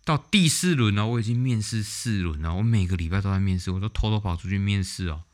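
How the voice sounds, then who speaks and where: Low-voiced man telling stories casually. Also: fast talker. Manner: animated, blunt, with mild swearing. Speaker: vlog host. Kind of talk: casual storytelling monologue.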